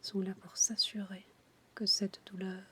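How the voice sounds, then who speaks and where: A woman guiding a relaxation in a breathy, intimate ASMR whisper, soothing and addressing the listener directly. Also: medium pitch, little pitch movement, a little slow, pushed and bright, a little hiss or hum. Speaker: relaxation guide for childbirth.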